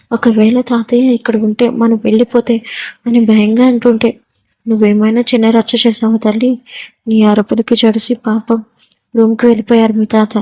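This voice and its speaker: A woman's voice: on the high side, dark tone, no echo, poor audio. A woman narrating a romance story, reading all the characters' lines in her own voice.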